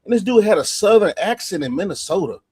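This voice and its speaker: A man's voice: sits high, expressive, quick pace, darkish tone, slightly rough. A man co-hosting a casual sports podcast, bantering about football with jokes and laughter. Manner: joking, laughing, profane banter. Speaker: podcast co-host, former juco football player.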